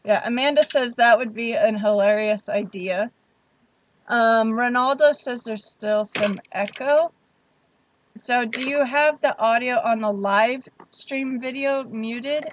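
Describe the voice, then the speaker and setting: A young woman hosts a livestream in a chatty, rambling way, often reading her viewers' comments out loud. Her voice sits a little high. The sound is dull and lo-fi. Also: slow pace. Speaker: livestream host. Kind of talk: casual livestream chat.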